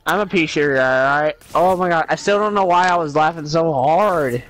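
A man's voice: fairly high pitch, moderate pace, fairly bright tone. A man chatting casually with a friend while they play a game, giggly and rambling with lots of fillers. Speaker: co-player. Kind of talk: casual game chat on a call.

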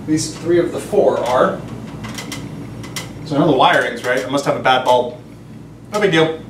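A man's voice: medium pitch, normal speed, background noise. A man in his thirties, a shop owner, chatting upbeat in a casual how-to vlog as he works on his shop and explains each step. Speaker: shop owner filming a renovation. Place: shop workroom with low ceiling, indoors. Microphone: on-camera mic, camera at arm's length or set on a stand. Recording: roomy echo.

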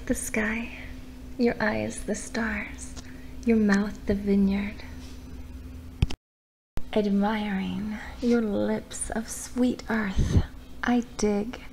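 A woman reads a poetic bedtime story in a breathy, half-whispered voice, intimate as if right in your ear, with deliberate pauses. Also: mid-range voice, a little mellow, a little hiss or hum, rough recording. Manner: slow, deliberate phrasing with pauses.

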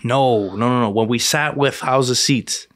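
A man's voice: mid-range voice, moderate pace, fairly bright tone, no echo. A young man from the Boston area with a Boston accent, co-hosting a casual podcast and telling rambling, filler-heavy stories. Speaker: podcast co-host. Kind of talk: casual chat.

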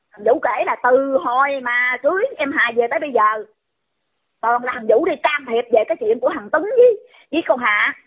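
A woman, scolding someone in a heated rant and firing off repeated insulting questions. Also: high-pitched. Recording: tinny phone-line audio.

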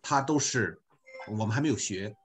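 A man teaching an online beginner class, explaining slowly and patiently with many filler particles. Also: lowish voice, soft background music. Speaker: volunteer French teacher.

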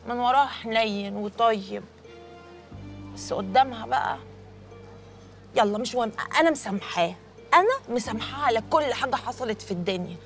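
A woman's voice: fairly high pitch, close to an everyday voice. An actress in a comedy series playing a talkative, teasing young woman teacher, with an Egyptian Arabic accent. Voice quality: talkative, playful, quick banter. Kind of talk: TV comedy drama dialogue.

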